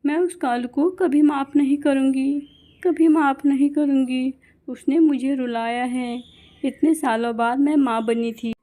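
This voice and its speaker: A woman's voice: sits high, steady tone, unhurried, warm tone. A woman voicing Gori, a loving mother bird who is upset and tearful. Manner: tearful, pleading.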